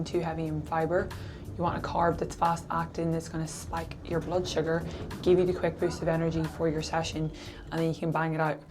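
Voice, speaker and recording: A woman chatting informally and slangily as a fitness vlogger in a casual video. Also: lowish voice. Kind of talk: casual vlog chat.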